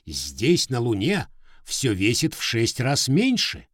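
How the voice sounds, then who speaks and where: A kindly scholarly professor from a storybook as voiced by a man reading aloud, measured and reassuring. His voice is lifted a little above the reader's own and moves expressively. The sound is close and dry. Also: medium pitch, huge pitch swings, slightly rough, dry recording, exaggerated voice. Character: kindly calm middle-aged male professor.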